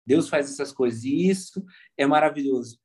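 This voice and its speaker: A man with a Brazilian Portuguese accent, a pastor chatting casually on a podcast and telling lively stories. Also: fairly high pitch, moderate pace, husky. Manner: animated storyteller, acts out quoted voices.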